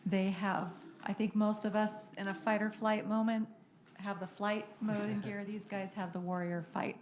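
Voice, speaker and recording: A woman's voice: mid-range voice, little pitch movement, normal speed, a little mellow. A woman leading a council meeting, giving thanks to officers and repeating words for emphasis. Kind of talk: formal acknowledgment remarks. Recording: echoey room, faint noise.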